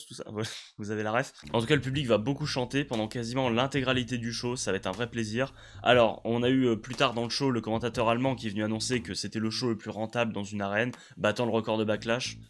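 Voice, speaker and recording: A man giving a casual spoken review of a wrestling show, chatty and enthusiastic, often pausing on fillers. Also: medium pitch, fairly bright tone. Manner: chatty, hesitant with frequent fillers; enthusiastic play-by-play recap.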